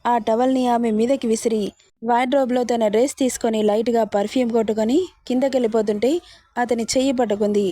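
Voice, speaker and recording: A woman narrating a scripted romance story in a steady, expressive storybook manner. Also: on the high side, quick pace, no echo.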